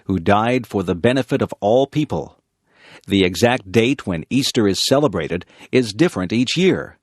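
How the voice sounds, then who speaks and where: An American man narrates a learners' lesson in a slow, clear reading voice. His pitch moves in a lively, sing-song way, and the sound is dry and close to the mic. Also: no room sound. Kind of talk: scripted narration.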